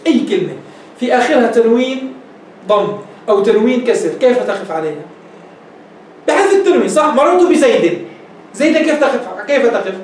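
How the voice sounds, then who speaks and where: A man with a Levantine Arabic accent teaching a grammar lesson in a lecture room, explaining step by step and checking understanding with quick questions. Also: very high-pitched, slight background noise. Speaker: Islamic scholar teaching grammar. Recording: echoey room, mic at a distance.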